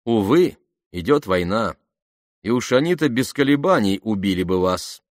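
A man voicing a calm aristocratic male commando who gives firm instructions. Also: fairly low pitch, moderate pace, no room sound, clean studio sound, natural voice.

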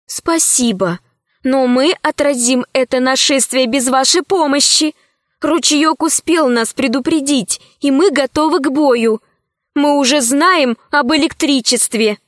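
A woman voicing a kind, soft-spoken woman who answers gently but firmly. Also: high voice, measured pace, no room sound, clean studio sound. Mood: gentle firm. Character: kind, tearful forest woman.

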